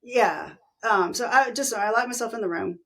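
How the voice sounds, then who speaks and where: A middle-aged woman telling a personal story as an interview guest, animated, acting out the voices of people she quotes. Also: fairly high pitch, normal speed.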